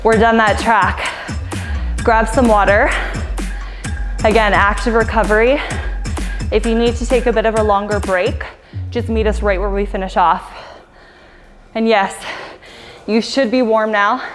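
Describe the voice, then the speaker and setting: A woman's voice: mid-range voice, fairly even intonation, measured pace, long pauses. A woman spin instructor cycling hard as she coaches, urging the class on with short, punchy motivational cues. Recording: loud music behind the voice. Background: workout music.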